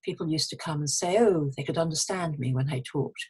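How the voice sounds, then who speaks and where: An older woman with a British RP accent, talking quickly while she teaches English pronunciation and demonstrates each sound. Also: sits low, darkish tone, slightly rough. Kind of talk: pronunciation lesson.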